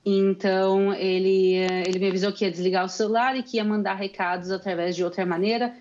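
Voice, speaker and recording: Calling in from Israel, this young guest commentator, originally from Rio Grande do Sul, has a gaúcho Brazilian Portuguese accent and earnestly walks through events. Her mid-range voice stays fairly flat in pitch, brisk and somewhat dark, on a lo-fi connection with slight background noise.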